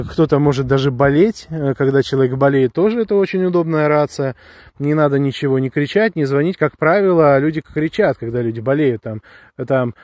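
A man with a fairly high, darkish voice reviews a walkie-talkie for his viewers, talking in a loose, slangy, excited ramble. Although he's filming outdoors on a handheld phone on a grassy, pine-dotted hillside, the audio has studio quality with no room sound.

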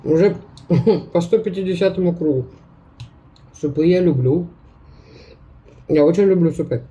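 A woman's voice: on the low side, a little slow, warm tone, muffled recording. A woman food vlogger chatting casually to her viewers with her mouth full, chewing as she talks. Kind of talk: casual mukbang chat to viewers.

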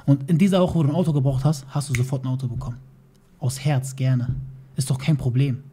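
A man's voice: mid-range voice, fast talker, mellow, a little hiss or hum. A young man in a heated personal vlog, telling his side of a dispute, swearing oaths and dropping in Turkish phrases. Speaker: YouTuber responding to a video.

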